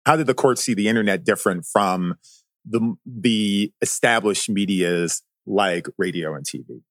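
A man's voice: lowish voice, normal speed, fairly bright tone, no room sound. A man narrating a scripted podcast as its host. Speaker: guest host.

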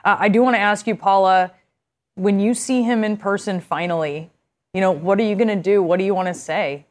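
A woman news anchor with a mid-range voice questions her guests gently but persistently. Her delivery is clean and conversational. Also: mid-range voice, a little fast. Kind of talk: live news interview.

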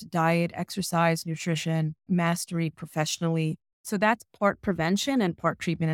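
A woman's voice: on the low side, dry recording, studio quality. Earnest woman telling patient stories. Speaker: psychologist guest. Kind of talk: conversational podcast interview.

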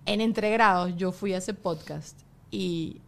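A woman's voice: lowish voice, unhurried, creaky, fairly bright tone, a little hiss or hum. A Venezuelan woman hosting a podcast, chatting informally and full of slang. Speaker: podcast host. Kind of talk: casual conversation.

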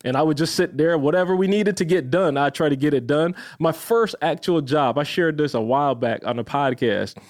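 A man's voice: fairly high pitch, a little fast, hardly any pauses, darkish tone. A man from Barbados, a podcast guest, telling his story casually and acting out the voices in it.

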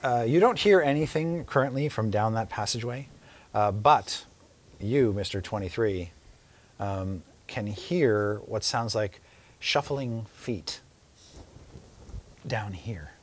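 Halting man running a tabletop game. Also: on the low side. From Canada. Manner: relaxed, halting with fillers. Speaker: game master.

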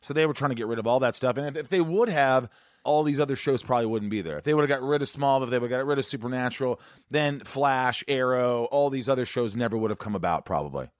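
Fast-talking joking male interviewer. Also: mid-range voice, no echo, studio quality. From Indiana. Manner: quick, chatty, joking. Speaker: interviewer, fellow actor. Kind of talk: casual interview conversation.

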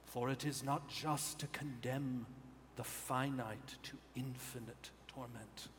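A remorseful male devil, as a man voices him, speaks low and grave, hushed and slow. The voice carries a long hall reverb over faint background noise. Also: fairly even intonation, lightly acted.

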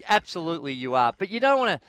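Casual Australian man, slightly high voice. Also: very animated, rapid-fire, a bit bright, clear, resonant tone, dry recording. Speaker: sports radio presenter. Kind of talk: casual sports banter.

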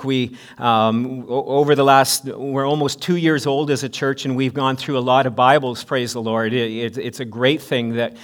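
A man preaching a sermon at a pulpit microphone in a church, earnest, often restarting phrases and building to emphatic preaching. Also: medium pitch. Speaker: pastor. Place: church sanctuary.

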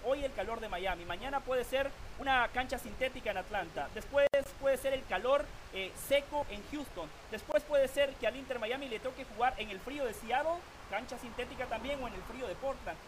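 A man on a sports talk show giving formal, measured football analysis. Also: very high-pitched, noisy background. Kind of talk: sports talk panel discussion.

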